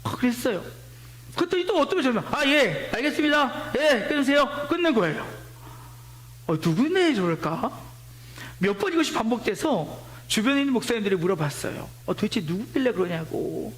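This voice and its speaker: A man's voice: sits high, big pitch swings, a little fast. A male pastor preaching a Friday night sermon in church, speaking straight to the congregation and acting out what people said. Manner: addresses the congregation directly, acting out quoted dialogue.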